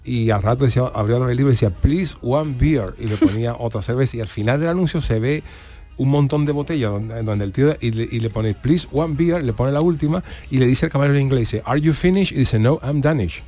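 A man's voice: mid-range voice, racing, mellow. A man chats casually on a radio show. He tells his stories in a rambling way, circling back and restarting as he goes. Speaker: radio co-host. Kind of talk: casual chat, telling anecdotes.

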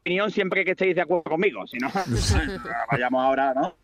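A man performing a rapid comic monologue on radio, ranting and peppering his lines with tag questions, heard over a remote line. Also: on the high side, expressive, a crowd in the background. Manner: rapid joking rant, constant tag questions. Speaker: comedian guest. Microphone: remote line into the studio.

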